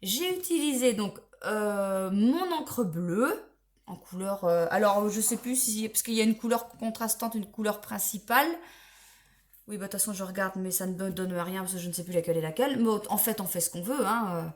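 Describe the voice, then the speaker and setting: A woman's voice: medium pitch, normal speed. A woman chatting casually on her knitting vlog, rambling a little and checking things aloud as she goes. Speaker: knitting vlogger. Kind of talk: casual chat.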